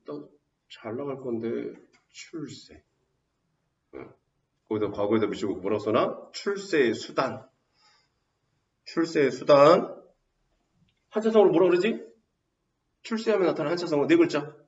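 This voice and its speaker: A man teaching a high school Korean class, telling a story in an animated way and quizzing students with questions. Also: a little slow, pauses often. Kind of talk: classroom lecture. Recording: roomy, distant, dull classroom recording.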